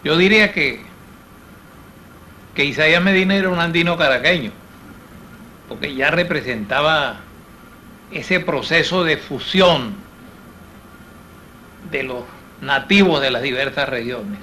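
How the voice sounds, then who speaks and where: A man giving reflective interview testimony in formal, eloquent, halting phrases. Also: fairly high pitch, expressive, sharp tone, a little hiss or hum, poor audio. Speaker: documentary interviewee.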